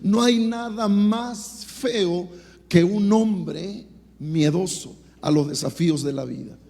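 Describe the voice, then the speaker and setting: A middle-aged man with a Mexican Spanish accent preaching a sermon as pastor, swinging from quick storytelling asides to rising emphatic bursts. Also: sits high, mellow. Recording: long hall reverb.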